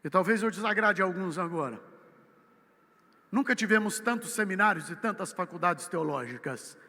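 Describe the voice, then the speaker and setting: A Brazilian man with a Brazilian Portuguese accent preaching a sermon, swinging from loud emphatic peaks to low, quiet asides. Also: lively intonation, normal speed. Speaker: missionary preacher. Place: church. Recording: church hall with long reverb.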